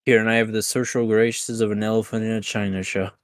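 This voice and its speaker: A man's voice: on the low side, level tone, brisk, no echo, clean studio sound. A man chatting casually as a player in a tabletop game. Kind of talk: casual chat.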